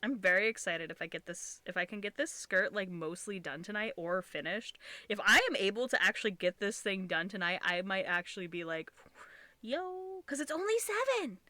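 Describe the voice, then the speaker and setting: A woman's voice: fairly low pitch, a little fast, bright, forceful tone, no echo. A young adult woman streaming, chatting casually while she sews and thinking aloud in a chatty, repetitive way. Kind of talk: casual live-stream chat while sewing.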